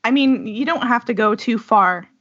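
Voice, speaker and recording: A woman's voice: on the high side, normal speed, fairly bright tone. A woman hosting a casual podcast chat, talkative and laughing easily. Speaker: podcast host. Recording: dull lo-fi audio.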